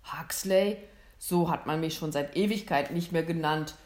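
A woman's voice: fairly high pitch, moderate pace, reverberant, close to an everyday voice. A woman voicing a sneering, scheming male hunter with a sly, mocking manner in an audiobook. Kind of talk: audiobook character voice.

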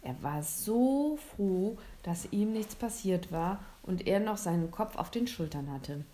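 A woman narrating a children's audiobook with lively, expressive storytelling. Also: medium pitch, a little slow.

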